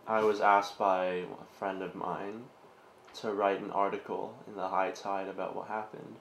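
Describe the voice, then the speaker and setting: Low gravelly young man, dry sarcasm. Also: level tone, moderate pace, a bit bright, reverberant, slight background noise. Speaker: student interviewee. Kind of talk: documentary interview.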